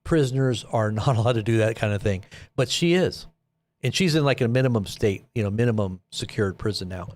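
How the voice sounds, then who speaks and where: A man's voice: on the low side, lively intonation, brisk, a little mellow. A man hosting a live news commentary stream, talking casually and rambling with fillers, often sounding incredulous. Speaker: host.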